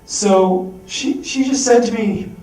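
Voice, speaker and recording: A young man with a high, mellow voice speaks slowly on stage at a fundraising event, openly telling a personal story and imitating the people he quotes. The echoey hall, full of audience, is recorded from far away.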